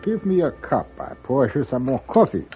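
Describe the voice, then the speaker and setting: An actor playing a frail, beaten old shopkeeper who speaks in halting, broken phrases, in a 1950s radio drama. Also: male voice, mid-range voice, wildly swooping pitch, music in the background. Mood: wry. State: weak and shaken. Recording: tinny old radio broadcast.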